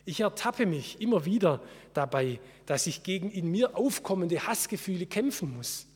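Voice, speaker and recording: A man giving an earnest, measured sermon as a preacher. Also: high-pitched, animated, a little mellow, slightly rough, long reverb tail. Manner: earnest, measured preaching with slow solemn quotes.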